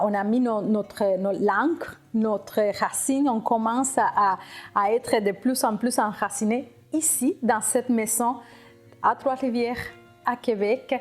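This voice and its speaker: A middle-aged woman from Cuba, speaking French, telling her immigration story in an interview, reflective and halting with frequent restarts. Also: a little high, darkish tone. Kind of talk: personal testimony interview.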